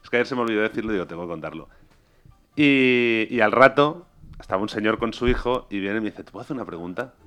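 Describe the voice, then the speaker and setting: A man on a chat panel, telling a lively anecdote and acting out what people said. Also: on the low side, fast talker, smooth. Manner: storytelling, acting out dialogue with laughs. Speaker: radio panelist. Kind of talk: casual chat.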